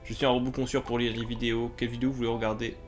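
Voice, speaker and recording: A man voicing a slow, droning video-playing robot in a flat, mechanical voice during game commentary. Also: mid-range voice, soft background music, natural voice. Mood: robotic. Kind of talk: Let's Play commentary skit.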